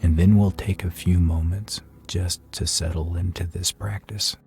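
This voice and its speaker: A man guides a meditation in a very low, dark, relaxed voice with vocal fry, as soft music plays faintly behind. His delivery is even and soothing, slow and unhurried, with long pauses separating his phrases.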